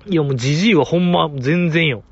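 Man, Kansai accent, casual podcast host, teasing and jokey, slightly high voice, muffled lo-fi sound. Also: fairly quick, slightly rough, dry recording. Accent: Kansai Japanese. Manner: playful, teasing listeners, laughs often. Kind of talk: casual solo podcast chat.

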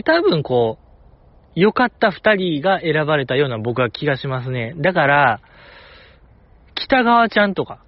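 A man with a Kansai Japanese accent and a slightly high voice hosts a casual solo radio show, with no echo and the highs cut off. His talk is chatty and jokey, sprinkled with teasing asides.

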